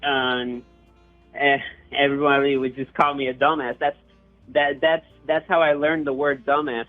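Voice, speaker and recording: A young Puerto Rican man being interviewed tells a casual personal story, hesitating with frequent restarts and fillers. His mid-range voice is flat and moderately paced. The line sounds tinny and phone-like, with faint guitar music.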